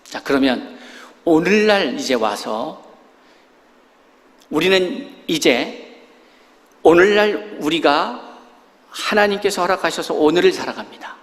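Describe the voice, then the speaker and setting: A man's voice: a little high, animated, takes it slowly, long pauses, a bit bright. Male pastor preaching in an echoing hall. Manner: conversational, full of rhetorical questions. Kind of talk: sermon.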